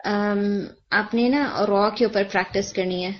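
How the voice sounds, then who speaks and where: A woman's voice: medium pitch, fairly even intonation. Patient woman tutor. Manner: patient, explanatory, mixing English terms into Urdu. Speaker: Quran recitation teacher. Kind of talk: one-on-one tajweed feedback. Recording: lo-fi muffled audio.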